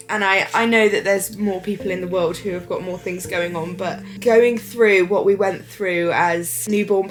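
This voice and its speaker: Young mum vlogger, casual and chatty, gets emotional; soft music bed. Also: female voice, medium pitch. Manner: chatty and emotional, lots of fillers and asides. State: sore from a run. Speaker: vlogger, mother of twins. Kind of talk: casual vlog chat to camera.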